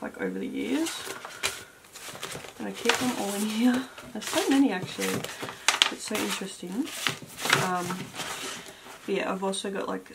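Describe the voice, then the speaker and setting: Low-pitched with vocal fry, a young beauty vlogger in her 20s chats casually as she tidies up, rambling and using lots of fillers. It's a clean-with-me video set in a cluttered indoor bedroom beauty room, with noisy audio from a home camera.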